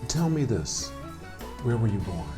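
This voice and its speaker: Lively male podcast host over music. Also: on the low side, a little slow. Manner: prompting, finishes the guest's sentences. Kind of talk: conversational interview.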